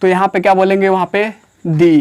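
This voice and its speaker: A man's voice: high voice, flat delivery, brisk, darkish tone, clean tone. Male Indian teacher, patient classroom explainer who repeats himself and dictates words one at a time. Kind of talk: classroom grammar lesson.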